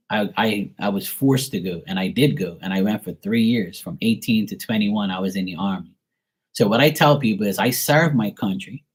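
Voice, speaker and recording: Man, Bermudian accent, low-ish voice, husky, blunt, profane, casual livestream rant. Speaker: livestream host.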